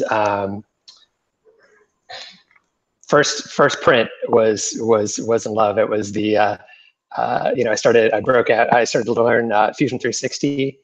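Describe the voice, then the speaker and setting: A man's voice: mid-range voice, lo-fi sound. A programmer telling the story of how he got into his hobby, hesitant and full of fillers, on a group video call.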